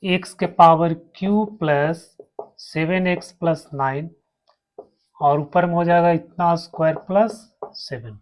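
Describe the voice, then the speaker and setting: A man's voice: fairly high pitch, a little slow. A man teaching a maths lesson, walking his students through each step and repeating terms as he writes. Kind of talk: slow blackboard maths lesson.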